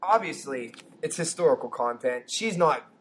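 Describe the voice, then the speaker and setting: A man's voice: fairly high pitch, animated, normal speed, fairly bright tone, slightly rough. A young man co-hosting a podcast, telling stories in a loose, rambling way full of fillers and restarts. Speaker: podcast co-host. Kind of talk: casual chat.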